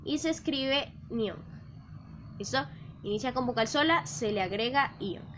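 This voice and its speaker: A woman's voice: fairly high pitch, lively intonation, a little slow, background noise. Patient woman teaching a language class. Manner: patient, repeats key points and checks in with "¿listo?". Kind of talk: online class explanation.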